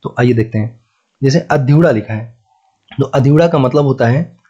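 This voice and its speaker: A male Hindi teacher with a north Indian accent works through exam questions in an exam-prep lesson, repeating each answer and quizzing the listener. His voice is medium-pitched, warm, and slightly rough at a moderate pace, on a dull lo-fi recording.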